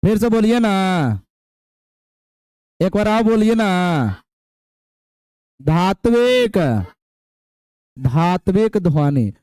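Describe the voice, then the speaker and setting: Slow, high-voiced male teacher. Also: expressive, mellow, smooth, no echo. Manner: repeats definitions, quizzes students, folksy asides. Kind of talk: classroom lecture.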